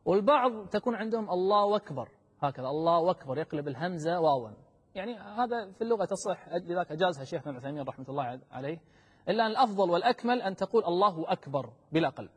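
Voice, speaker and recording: A man's voice: high voice, expressive, rapid-fire, slightly rough, long reverb tail. A man giving a religious lesson, asking questions and answering them himself as he demonstrates. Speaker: Islamic teacher.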